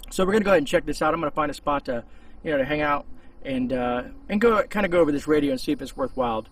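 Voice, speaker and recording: A man with a slightly high voice talks rapid-fire while hosting a gear review channel, rambling conversationally to camera in a casual, unscripted way. He's outdoors in a shaded spot, picked up by a distant mic with faint outdoor noise.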